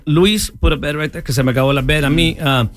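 A man's voice: on the high side, a little fast. A man hosting a casual radio chat in a studio, switching between Spanish and English mid-sentence. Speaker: radio show host. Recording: music playing behind the voice.

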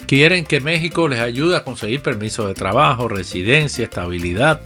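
A man's voice: mid-range voice, expressive, fairly quick, sharp tone, soft background music. A man giving opinionated news commentary on a radio morning show, speaking straight to listeners. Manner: emphatic, addresses listeners directly.

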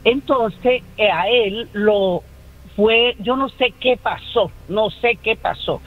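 A woman's voice: a little high, slow. A woman in her sixties from the Colombian Caribbean coast, with a coastal Colombian accent, calling in and telling her story in a rambling, hesitant way with many repeated words. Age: 60s. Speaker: caller. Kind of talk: phone-in call. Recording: tinny phone line.

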